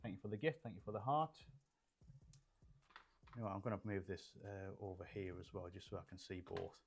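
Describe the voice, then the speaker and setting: A young adult livestreamer who builds gaming PCs talks briskly in a low, fairly even voice, with a little hiss or hum in the audio. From Poland and raised in England, he chats and rambles with fillers from a small studio room with shelves, reading chat aloud.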